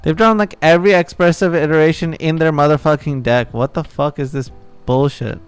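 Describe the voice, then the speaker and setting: A male streamer comments on his card game as he plays, his voice smooth and resonant. He swings from low, muttered grumbling to sudden cursing outbursts at his opponent's luck. Soft music plays faintly underneath. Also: steady tone, brisk.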